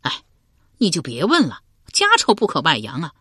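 Liu Ling, a loud teasing scholar, put on by a woman. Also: sits low, wildly swooping pitch, normal speed, husky, no echo, studio quality, exaggerated voice. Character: carefree mocking male drinker-scholar.

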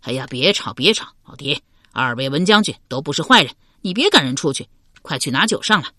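A woman voicing an easygoing male drinker who tries to calm a quarrel. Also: sits low, a little fast, no echo, clean studio sound, pitched below the performer's own voice, heavily acted. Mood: placating. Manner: soothing, placating.

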